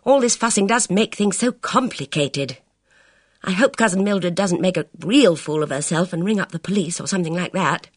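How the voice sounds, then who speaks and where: A woman's voice: fairly low pitch, animated, normal speed, breathy edge, no room sound, voice pushed up. A woman reading an audiobook, voicing a cool, guarded young woman who speaks in a clipped, composed and grim way.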